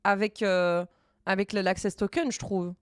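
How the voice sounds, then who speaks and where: A woman streamer thinking aloud while coding live, hesitant and halting with many fillers and restarts. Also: mid-range voice, steady tone, smooth, dry recording, studio quality.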